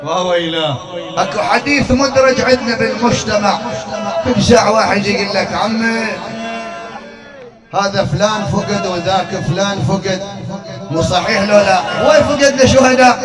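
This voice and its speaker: A man's voice: high-pitched, normal speed, crowd noise, noisy background. A man with an Iraqi accent, a eulogist at a mourning gathering, moving between sung wailing lament and spoken storytelling. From Iraq. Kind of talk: chanted lament and mourning sermon. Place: mourning hall. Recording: echoey room, distant mic, music behind.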